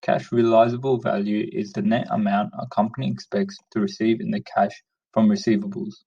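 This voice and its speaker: A man with a low, gravelly, husky voice reads steadily through a screen-recording voice-over. He sits well back from the mic, so the sound comes across dull and lo-fi. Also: brisk, distant mic. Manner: steady, plain script reading. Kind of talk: read-aloud screencast narration.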